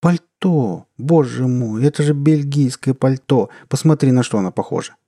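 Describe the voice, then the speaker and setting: A man's voice: moderate pace, mellow, dry recording, studio quality, lightly acted. A man voicing a middle-aged wife who shrilly scolds her drunk husband. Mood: alarmed scolding. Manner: shrill exclaiming.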